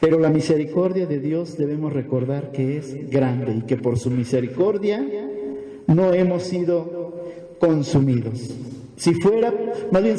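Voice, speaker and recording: A man's voice: a little high, warm tone. A man preaching a sermon as pastor, asking rhetorical questions and tagging on "¿verdad?", recorded in a church hall.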